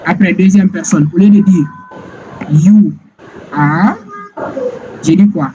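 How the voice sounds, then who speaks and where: A man teaching English grammar in a slow, repetitive classroom style, often checking whether listeners follow. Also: high voice. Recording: dull lo-fi sound with clear background noise.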